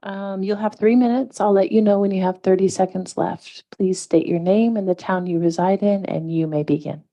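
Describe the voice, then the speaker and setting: Polite, mellow-voiced meeting clerk woman. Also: medium pitch, steady tone, moderate pace, hardly any pauses. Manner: polite, procedural. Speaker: commission clerk. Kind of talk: procedural meeting announcements. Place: public hearing room.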